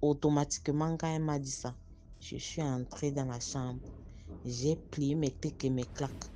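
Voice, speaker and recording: A woman recounts her own experience in a casual, lively way, turning to her listeners to make them picture it. Her voice sits low and sounds dark and mellow. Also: normal speed, slight background noise. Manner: talks straight to listeners, vivid and animated. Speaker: storyteller. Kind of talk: casual first-person storytelling.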